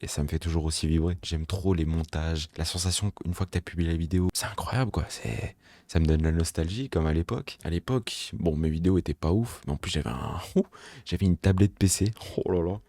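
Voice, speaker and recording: A man's voice: sits low, brisk, warm tone, dry recording. A young man giving casual motivational advice straight to the viewer, direct and emphatic, repeating his points. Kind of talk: casual motivational talk to camera. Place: small home recording setup. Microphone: microphone close to the mouth.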